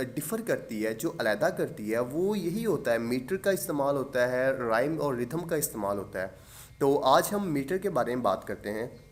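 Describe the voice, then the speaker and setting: Young male tutor, fairly high voice, patient and repetitive delivery with frequent fillers, mixes in english terms. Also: a little mellow. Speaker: teacher. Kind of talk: lecture explaining poetic meter.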